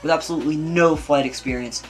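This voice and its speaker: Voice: mid-range voice, steady tone, fast talker, natural voice. An amateur reader voicing a male TV news anchor in a casual script reading, stumbling over hard words. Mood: announcing.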